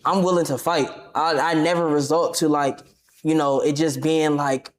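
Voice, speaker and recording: Brief: young male streamer guest, lively slangy delivery, mid-pitch. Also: normal speed. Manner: animated, confrontational, slangy. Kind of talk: casual interview talk.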